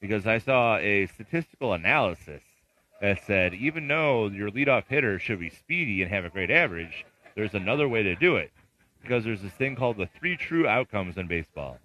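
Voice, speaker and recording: A man co-hosting a casual sports podcast, rambling with many pauses. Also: on the low side, sing-song, bright, forceful tone. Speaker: podcast co-host.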